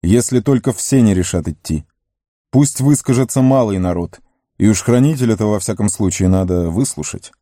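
A man voicing a hot-headed, proud male warrior who talks in quick, agitated outbursts. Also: fairly low pitch, mellow, dry recording, studio quality, voice pushed up, close to an everyday voice. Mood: stubborn.

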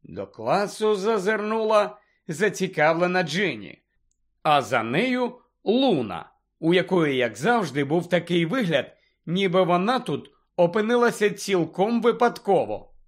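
A man reading a novel aloud as an expressive audiobook narrator. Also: high-pitched, a little slow. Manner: expressive storytelling. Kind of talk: scripted narration.

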